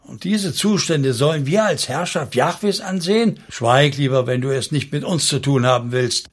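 A man's voice: medium pitch, moderate pace, slightly rough. A man doing a furious, scornful prince. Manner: angry, sneering.

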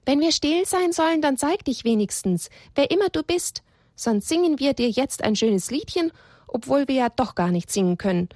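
A woman's voice: big pitch swings, normal speed, no echo, clean studio sound. A woman doing a cheeky young animal boy. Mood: cheeky, loud. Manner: high, eager, outspoken. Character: bold cheeky young male farm animal.

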